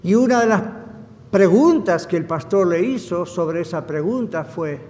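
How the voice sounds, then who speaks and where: A male pastor preaching a fervent sermon, swinging from hushed lines to loud emphasis and slipping in short English phrases. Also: high voice, lively intonation, measured pace. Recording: reverberant hall.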